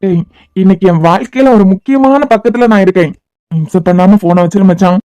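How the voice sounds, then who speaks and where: A woman's voice: mid-range voice, brisk, dark tone, no echo, muffled recording, close to an everyday voice. A woman with a Kanyakumari Tamil accent voicing an impatient newlywed young man in a cartoon. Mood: exasperated. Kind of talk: cartoon web series voice acting.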